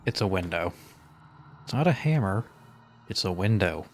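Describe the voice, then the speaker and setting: A man's voice: low-pitched, lively intonation, moderate pace, faint music behind. A man giving casual, wry gameplay commentary as a video game streamer.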